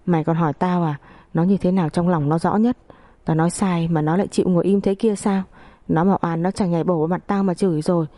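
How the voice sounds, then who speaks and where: Stern older father-in-law barking orders , read by a woman, low dark tone. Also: steady tone, fast, no echo, lightly acted. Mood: angry. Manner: gruff, commanding.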